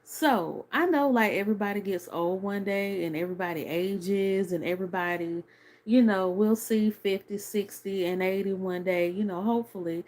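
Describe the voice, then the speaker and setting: A woman in her thirties talks to the camera in a casual, opinionated video review. Her mid-range voice is a little mellow and moderately paced. She's chatty, earnest and opinionated, filling her speech with lots of "like" and "you know."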